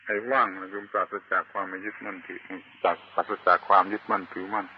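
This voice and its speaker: A man preaching a Buddhist sermon, slow and deliberate, pausing often and stressing key words. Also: sits low, little pitch movement, lo-fi sound, slight background noise. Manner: slow and deliberate, with long pauses and emphatic chanted words. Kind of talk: Dharma sermon.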